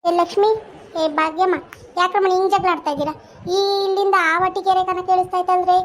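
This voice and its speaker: A woman's voice: very high voice, little pitch movement, a little fast. A performer voicing a blunt old village grandmother who scolds two quarrelling women in a cartoon. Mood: scolding. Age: older. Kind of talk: cartoon voice acting.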